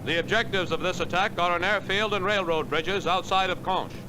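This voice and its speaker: A man with a high, crisp voice narrates in the measured manner of a 1940s wartime newsreel announcer. It sounds like an old newsreel soundtrack, with loud hiss and engine noise underneath. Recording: noisy archival film soundtrack.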